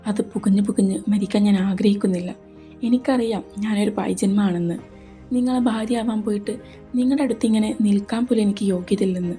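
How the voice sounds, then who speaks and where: A heartbroken young woman pours out tearful, pleading questions in a romantic audio story, voiced by a woman. The voice sits dark and mellow, with faint music underneath. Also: a little high, normal speed, natural voice.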